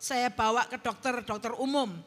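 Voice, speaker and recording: A sermon with personal testimony comes from a middle-aged woman preacher whose voice is on the high side, steady and a bit bright, at a moderate pace. She tells her story earnestly and draws the congregation into call-and-response in a large church hall, where reverb and faint music color the sound.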